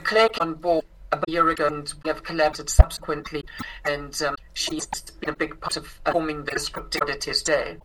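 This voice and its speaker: A woman's voice: deep voice, steady tone, brisk. Scottish-born woman raised in south africa, singer and actress, chatty with lots of ums, noisy line. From born in Scotland, raised in South Africa. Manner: hesitant, many ums and restarts. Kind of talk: casual interview chat.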